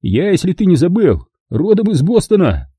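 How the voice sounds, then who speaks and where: A man voicing a sarcastic American robber from Boston who explains things slowly and patiently. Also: sits high, huge pitch swings, warm tone, husky, no room sound, clean studio sound, voice pushed up, full character voice. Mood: wry.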